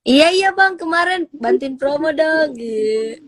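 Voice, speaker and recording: A woman of about twenty hosting a casual phone live stream, friendly and quick to agree. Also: high-pitched, lively intonation, a bit bright, dry recording, clean studio sound. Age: 20s. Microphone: phone on a live video stream.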